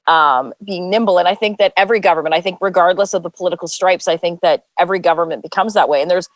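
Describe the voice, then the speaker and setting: A woman's voice: fairly low pitch, fast talker, dry recording. A woman on a political podcast panel, speaking in a conversational way and hedging with "I think". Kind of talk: casual panel chat.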